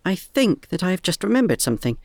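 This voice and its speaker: A small, anxious piglet from a storybook, voiced by a man speaks in a squeaky, high voice that skitters up and down in pitch and stumbles over its words when frightened. The sound is close and dry, with faint music underneath. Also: big pitch swings, quick pace, vocal fry, no echo, exaggerated voice. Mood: nervous. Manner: squeaky, nervous, stammering. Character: small timid anxious young male piglet. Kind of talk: storybook character voice.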